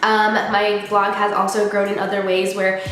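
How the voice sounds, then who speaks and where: A woman's voice: medium pitch, monotone, moderate pace, fairly bright tone. Very echoey young woman vlogger with a cold. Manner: earnest, frequent "like" as a filler. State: sick with a cold, congested. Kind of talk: casual reflective vlog talk. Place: unfurnished apartment room, indoors. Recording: very echoey empty room, music underneath.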